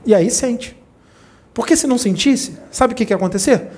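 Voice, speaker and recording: A spiritual teacher gives a talk to a small group, telling stories animatedly and acting out the voices of the people in them with big jumps in pitch. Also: fairly quick. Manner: animated storyteller, acts out quoted voices with big pitch leaps.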